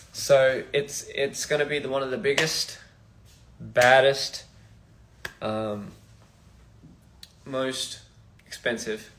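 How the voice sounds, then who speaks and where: Young guy from australia on a live stream, soft and rambly, normal mid voice. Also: mid-range voice. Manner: soft-spoken, reflective, rambling. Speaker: musician livestream host. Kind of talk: casual livestream chat. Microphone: phone livestream.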